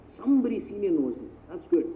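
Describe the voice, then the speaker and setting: A man with an Indian accent, a business mentor telling a story in a live online talk, animated and acting out quotes. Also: sits high, fast. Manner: animated, mixes in Hindi phrases, acts out quotes. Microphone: video call. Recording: tinny phone-like audio, faint noise.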